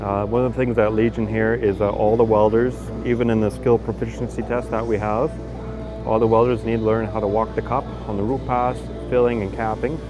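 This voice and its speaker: A man's voice: fairly low pitch, flat delivery, brisk, dull audio. Canadian man explaining welding over music. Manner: informal, with fillers and restarts, explaining a process step by step. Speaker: shop expert explaining welding. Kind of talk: unscripted technical commentary. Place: large industrial fabrication shop, indoors. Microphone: handheld or lapel mic. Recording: background music under voice.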